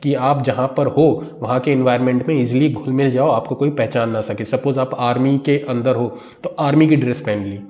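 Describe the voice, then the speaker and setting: A man teaching English from a newspaper, reading each English phrase slowly with an Indian accent and then explaining it word by word in Hindi. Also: mid-range voice, fairly even intonation, muffled recording.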